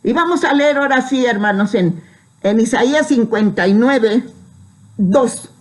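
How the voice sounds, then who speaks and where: A woman pastor preaching a sermon, lifting her voice when she reads scripture and often checking in with her listeners with a quick "¿sí?". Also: a little high, a little mellow. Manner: preaching with emphatic rises on scripture, frequent "¿sí?" tags.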